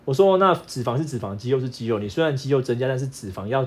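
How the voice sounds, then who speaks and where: A man's voice: mid-range voice, racing. A man co-hosting a casual podcast with his wife, explaining workouts and diet like a coach and playfully acting out her complaints. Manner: animated, acts out his wife's whining in quotes. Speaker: podcast co-host, fitness coach. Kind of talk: casual couple chat.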